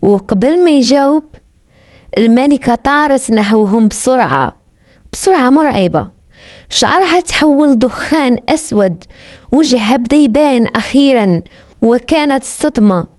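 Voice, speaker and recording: A woman's voice: high voice, expressive, normal speed, a little mellow, dry recording, clean studio sound. A woman with a Moroccan accent narrating a story in a dramatic, suspenseful way. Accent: Moroccan Arabic.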